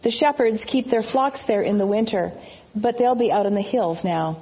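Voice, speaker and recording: A woman's voice: mid-range voice, normal speed, dull audio, close to an everyday voice. A woman voicing a kindly older woman giving directions in a storybook reading. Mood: helpful.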